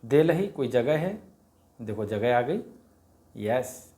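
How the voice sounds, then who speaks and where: A man walks through a grammar worksheet, chanting vowel sounds in a sing-song drill. He keeps posing questions and answering them himself, in a middle-pitched voice. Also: sing-song, takes it slowly, mellow. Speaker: teacher explaining a worksheet. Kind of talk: Hindi grammar lesson for parents.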